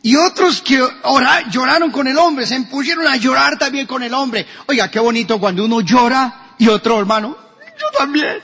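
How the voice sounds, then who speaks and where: A man's voice: very high voice, normal speed, hardly any pauses, sharp tone, husky. A man preaching a sermon as pastor, asking his congregation questions. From Colombia. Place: church hall. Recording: dull, echoey church recording.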